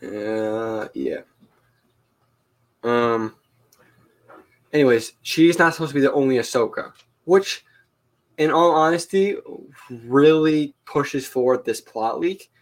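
A man's voice: mid-range voice, lively intonation, slow pace, long pauses. A man co-hosting a casual fan podcast, opinionated and rambling, tagging his points with filler questions. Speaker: podcast co-host.

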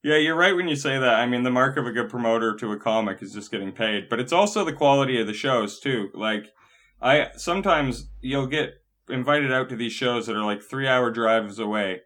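A man's voice: mid-range voice, a little fast, a bit bright. Man, podcast host, easygoing, casual swearing, laughs along. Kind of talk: casual interview chat.

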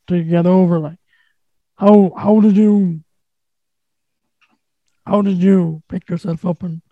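A man's voice: high-pitched, no echo. A man with an Irish accent hosting a podcast and casually interviewing guests. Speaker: podcast host. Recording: phone-like, thin band-limited sound.

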